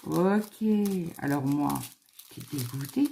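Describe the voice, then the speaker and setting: A woman's voice: low voice, expressive, slow pace, creaky, warm tone, slight background noise. A middle-aged woman chatting casually at home while she crafts, telling a rambling story with lots of fillers. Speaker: craft vlogger.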